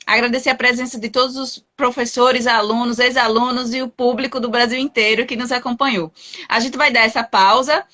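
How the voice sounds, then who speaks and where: A woman's voice: a little high, fairly even intonation, fairly quick, pushed and bright. A woman from Brazil hosting a live-stream interview, giving polite, formal thanks and announcements.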